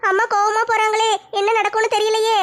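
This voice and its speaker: A woman voicing a frightened but defiant college-age daughter, scolding and pleading in quick bursts. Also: very high-pitched, monotone, a bit bright.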